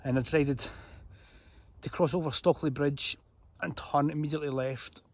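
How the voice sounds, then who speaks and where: A man's voice: a little high, fairly even intonation, normal speed, a little mellow, husky, no room sound. A middle-aged man talking casually to camera from inside a small tent, easygoing and chatty with lots of ums. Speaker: outdoor vlogger. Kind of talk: casual camping vlog chat. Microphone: handheld camera close to the face.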